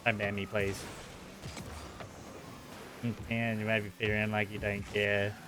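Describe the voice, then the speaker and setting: A man's voice: lowish voice, level tone, normal speed, noisy background. An Australian man chatting casually on a livestream in blunt, sweary Aussie street slang. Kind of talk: casual livestream chat with viewers.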